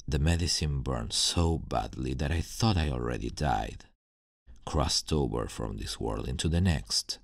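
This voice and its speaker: In a dramatic ASMR roleplay, a man plays an embittered scientist turned supervillain, telling his story in a brooding, deliberate, theatrical monologue that feels ominous and intense. His voice is very deep and gravelly, heavily acted, recorded in studio quality with no room sound.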